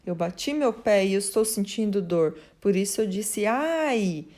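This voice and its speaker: A woman's voice: mid-range voice, moderate pace, dark tone. Woman teacher, patient step-by-step grammar lesson, keeps checking in. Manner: explanatory, checks in with "tá?" and "né?".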